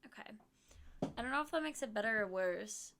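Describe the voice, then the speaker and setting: A woman's voice: fairly high pitch, expressive, a little fast, background noise. A young woman streaming from home, chatting casually and rambling with plenty of fillers and giggles.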